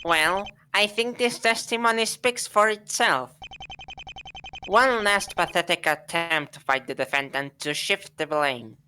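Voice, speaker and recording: A man voicing a smug, scornful prosecutor in a game, sneering slowly. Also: high-pitched, bright, forceful tone, slight background noise, voice pushed up, exaggerated voice. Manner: slow, sneering delivery. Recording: synth game music behind.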